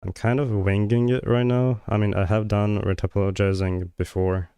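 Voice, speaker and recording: At a normal speed and with a clean tone, a Georgian streamer who speaks Georgian natively thinks aloud during a live stream. His voice is low and flat, and he hesitates frequently, using fillers and letting thoughts trail away. The recording is dry and of studio quality.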